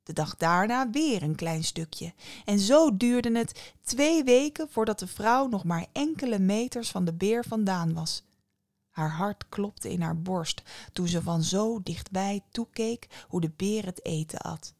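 Slow, calm woman telling a fairy tale. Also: mid-range voice, no room sound, clean studio sound. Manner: calm, measured storytelling. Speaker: podcast storyteller. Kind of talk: storytelling narration.

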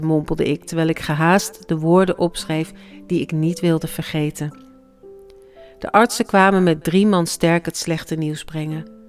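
A slow, hushed storyteller reading a personal memoir, reflective and unhurried. The voice sits at a middle pitch and sounds smooth and resonant. Soft music plays faintly underneath. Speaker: grieving parent narrating. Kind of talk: scripted memoir narration.

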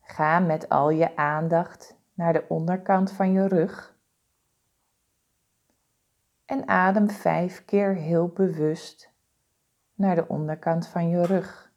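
A woman leading a guided body-scan meditation, giving calm, soothing, deliberate instructions with pauses. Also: on the low side, highs cut off.

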